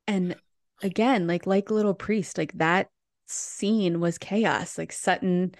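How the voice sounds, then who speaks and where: A woman's voice: on the low side, steady tone, slow pace, no room sound, studio quality. A woman co-hosting a podcast, recapping a musical in casual, rambling chat full of restarts. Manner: chatty, lots of "like" and restarts. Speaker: podcast co-host.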